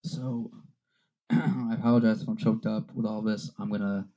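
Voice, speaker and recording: A man hosting a podcast in casual solo talk, earnest and halting, with frequent fillers and self-corrections. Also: on the low side, flat delivery, warm tone, muffled recording. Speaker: podcast host.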